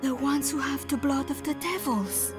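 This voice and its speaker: An actress playing an earnest young warrior woman in a video game, solemn and halting. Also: high voice. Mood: anguished. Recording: game dialogue with music behind.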